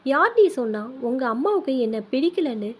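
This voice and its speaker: Woman reading as a sweet old granny, gentle and doting, high little voice, storybook telling. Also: sing-song, a little fast, breathy edge, exaggerated voice. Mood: tender, doting. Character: kindly seventy-year-old grandmother, affectionate and forgiving.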